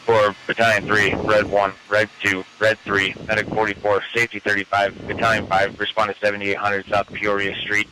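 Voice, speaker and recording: A man working as an emergency dispatcher, heard over a two-way radio, calling out units and details in flat, clipped phrases. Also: fairly low pitch, moderate pace, hardly any pauses, a little hiss or hum, low-quality recording.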